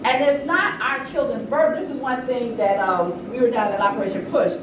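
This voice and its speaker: At a public event held indoors, an older woman speaks briskly in a fairly high voice, earnest and fervent, like she's telling a story to friends. The recording suffers from room echo, a far-off microphone, and noise behind her.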